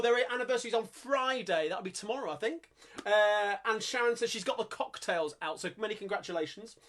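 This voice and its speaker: A man's voice: very high voice, fairly bright tone. A man with a London accent hosting a live-streamed singalong, chatting upbeat between songs and breaking into old music-hall numbers. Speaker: singalong host and pianist. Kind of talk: casual live-stream chat with singing. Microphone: home streaming mic.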